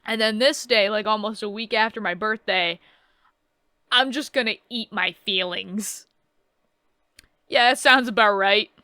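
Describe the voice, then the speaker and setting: A woman's voice: medium pitch, bright, forceful tone, smooth, no room sound, clean studio sound. A woman in her thirties casually reading game text aloud and adding wry, joking asides in a playthrough. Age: 30s. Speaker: let's play host.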